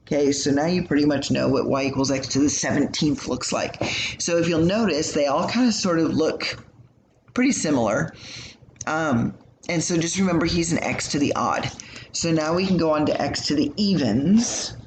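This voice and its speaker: A man's voice: a little high, lively intonation, normal speed. A man teaching a recorded math lesson, explaining in a casual, chatty way with lots of fillers. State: yawning, tired. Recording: echoey room with faint hum.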